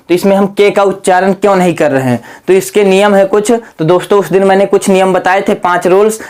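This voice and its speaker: Man teaching in a slow, questioning style. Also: high voice, a little mellow, clear, resonant tone. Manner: asks the listener rhetorical questions and answers them; spells words out letter by letter, slowly. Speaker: English grammar teacher. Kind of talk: classroom-style explanation.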